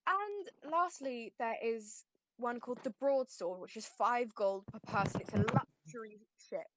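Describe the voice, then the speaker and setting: A woman narrating as game master of a tabletop game, relaxed, with many ums and pauses. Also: a little high, very noisy.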